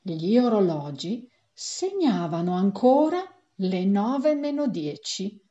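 Animated woman reading a story aloud. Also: mid-range voice, takes it slowly, highs cut off. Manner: animated, theatrical delivery.

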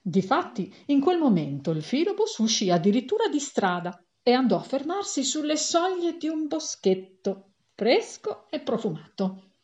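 A woman reading a children's story aloud with an animated, theatrical delivery. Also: high voice, normal speed.

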